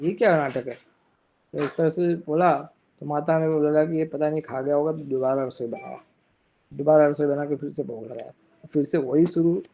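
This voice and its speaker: A man's voice: on the high side, creaky, dark tone, low-quality recording. A man telling a religious story in a sermon, slipping in English phrases and acting out the characters' lines. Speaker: speaker giving a religious discourse.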